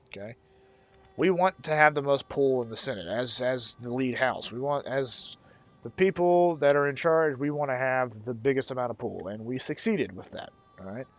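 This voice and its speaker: A man hosting a casual game tutorial in a loose, slangy way, thinking aloud with restarts and checking questions. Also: mid-range voice. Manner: loose, slangy, keeps saying "man" and "bro". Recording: dull lo-fi recording.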